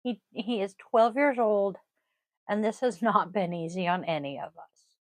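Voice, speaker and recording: A woman with a wheezy voice talks at an unhurried, slow pace. She rambles casually and haltingly like a home vlogger, poking fun at herself. The sound is close and dry. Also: mid-range voice, no room sound. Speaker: host of a divination vlog. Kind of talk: casual, rambling chat to viewers. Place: indoors at a desk.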